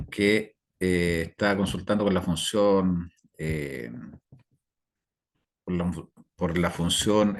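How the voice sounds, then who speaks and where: A Chilean man teaching an online class over a video call, rambling with fillers and constantly checking in with his students. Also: low-pitched. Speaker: instructor.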